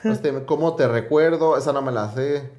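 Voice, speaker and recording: A man's voice: medium pitch, normal speed, darkish tone, dull audio. A man with a Mexican accent co-hosting a podcast, joking crudely and singing off-key during a drinking game. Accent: Mexican Spanish. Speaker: podcast co-host. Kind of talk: casual drinking-game banter. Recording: echoey room with faint music.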